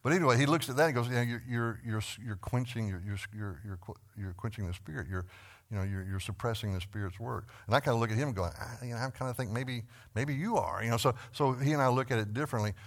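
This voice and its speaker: A fast-talking Texan with a mid-range voice teaches a Bible class at church in a conversational style. Earnest throughout, he frequently restarts and repeats words as he goes.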